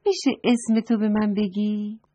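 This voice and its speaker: A woman's voice: mid-range voice, level tone, warm tone, no echo, lightly acted. A woman voicing a curious young boy who politely asks around about a birdsong, on a dull lo-fi recording. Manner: eager, polite questioning.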